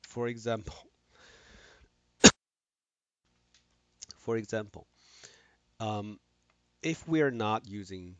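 Deep-voiced man giving a halting tutorial. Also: lively intonation, no room sound, muffled recording. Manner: halting, frequent restarts and fillers. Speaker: instructor. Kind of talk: screen-recorded software tutorial.

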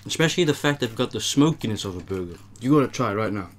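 A young adult man talks rapid-fire and animated in a lowish voice with a slight hiss or hum, hosting a relaxed eating video indoors in a small, warm attic. Between bites he keeps the chat slangy and easygoing.

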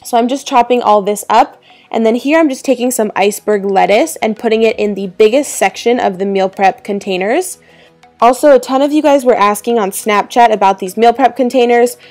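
A woman's voice: mid-range voice, darkish tone. A woman in her twenties talking casually to camera as a lifestyle vlogger, upbeat and chatty with lots of ums and likes. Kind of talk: voice-over cooking tutorial. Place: bedroom with clothes rack behind. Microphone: camera framed from the waist up.

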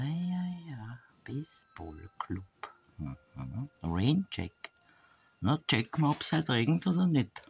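A woman talks slowly and gravelly, musing to herself as she reads small labels aloud, often dropping to a half-whisper. Faint music plays under her voice. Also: very deep voice. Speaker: craft vlogger opening an advent calendar. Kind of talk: casual unboxing chat. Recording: soft background music.

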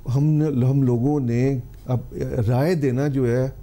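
Earnest older man with a very dark voice. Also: medium pitch, fairly even intonation, slow. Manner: earnest, pleading advice to the public. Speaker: cancer specialist guest. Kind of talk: TV health talk show interview. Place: TV studio.

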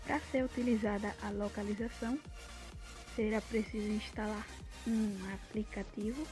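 A woman's voice: mid-range voice, flat delivery, moderate pace. A Brazilian woman giving an unscripted demonstration of an app as a tutorial host. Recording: music playing behind the voice. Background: clear background music.

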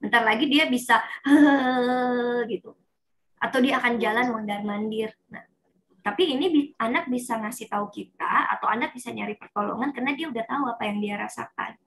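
A woman's voice: a little high, fairly quick, vocal fry. A woman therapist explaining step by step to a parent, often acting out what a child would say. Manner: explains with acted child quotes, animated. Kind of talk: consulting conversation.

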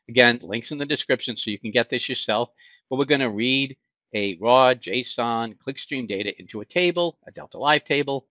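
A man's voice: medium pitch, a bit bright, no room sound. Man with a Boston accent, explaining code. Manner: conversational, asks himself questions then answers. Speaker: instructor. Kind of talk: screen-share tech tutorial. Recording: dull lo-fi sound.

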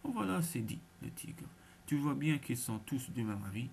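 A man's voice: medium pitch, sing-song, normal speed, gravelly, a little mellow, slight background noise. A man voicing an anxious poor male brahmin who pleads urgently. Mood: pleading. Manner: urgent, imploring.

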